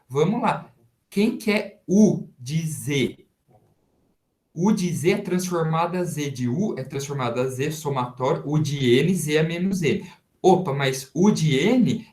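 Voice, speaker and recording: In a roomy, echoey recording, a Brazilian Portuguese-accented male professor takes his students through a math lecture step by step, slowly and with rhetorical questions. His voice runs on the high side with a slightly mellow quality.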